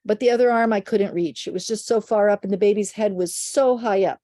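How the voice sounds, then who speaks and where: An older woman in a dry, close recording, a midwife telling a story from her work. She speaks at a middle pitch and livens the tale by putting on the voices of the people she describes, with no room echo around her. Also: brisk. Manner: animated storyteller, acts out quoted voices. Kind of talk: storytelling in an interview.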